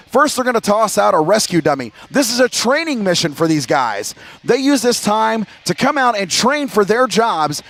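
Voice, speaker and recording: An American man doing airshow commentary as the announcer, addressing a crowd in a showman's style with drawn-out emphasis. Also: high voice, fairly bright tone.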